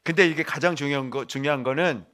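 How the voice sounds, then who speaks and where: A male pastor preaching a sermon in an animated, exclamatory way, often putting questions to the congregation. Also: a little high, fast.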